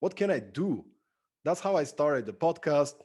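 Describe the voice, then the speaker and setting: This Bulgarian man, a podcast guest who is an entrepreneur and productivity speaker, has a fairly high, sing-song voice that's darkish and husky. He talks at normal speed, answering conversationally with emphatic enthusiasm.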